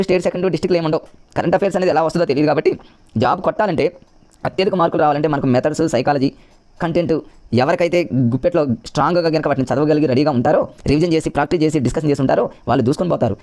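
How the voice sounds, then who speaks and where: A man's voice: sits high, a little mellow. A man coaching exam candidates, explaining memory tricks in a repetitive, coaxing way and often calling his viewers friends. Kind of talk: rapid classroom-style explanation.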